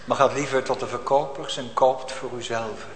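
A man preaching a sermon, swinging from loud pleading cries to hushed near-whispers and drawing out stressed phrases slowly. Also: mid-range voice, steady tone, slight background noise. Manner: slow, drawn-out stressed phrases. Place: church. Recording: echoey church hall with long reverb.

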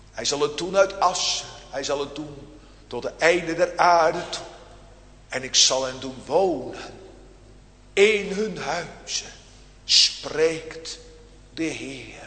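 A man preaching in a church with a fairly high voice, drawing out his words slowly and solemnly before swelling into emphatic outbursts. The sound is roomy, with a long reverb carrying through the hall. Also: fairly bright tone. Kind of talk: sermon.

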